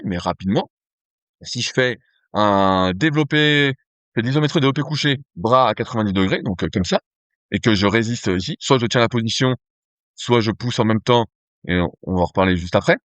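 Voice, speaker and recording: A podcast host who cofounded a nutrition company talks about strength training in a conversational way, full of fillers and restarts. His voice is medium-pitched, with no room sound.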